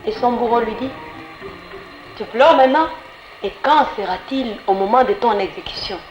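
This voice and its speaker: A quietly resolute nun, played by a woman, speaks in measured tones. The echoey, lo-fi sound has clear music under it. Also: a little high, close to an everyday voice. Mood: storytelling. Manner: measured storytelling. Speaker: narrator and fellow nun.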